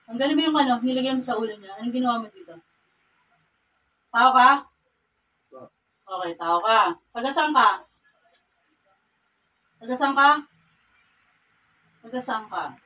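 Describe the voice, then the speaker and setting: High bright-voiced faith healer lady from cagayan valley, stern repeated questions, far from mic. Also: normal speed, long pauses. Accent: Filipino, Cagayan Valley. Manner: stern, repetitive questioning, scolding. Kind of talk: healing ritual interrogation. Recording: distant mic with faint ambient noise.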